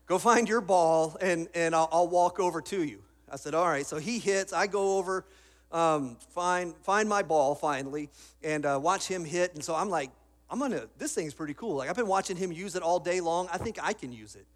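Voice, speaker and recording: High-voiced man preaching. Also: fairly quick. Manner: casual storytelling with repeated restarts. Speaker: pastor. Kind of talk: sermon.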